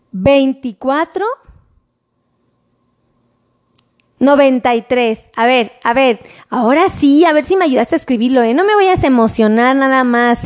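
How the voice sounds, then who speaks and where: A woman doctor with a Mexican Spanish accent, chatting casually on a live stream, thanking viewers by name and slowly dictating phone numbers. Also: sits high, darkish tone.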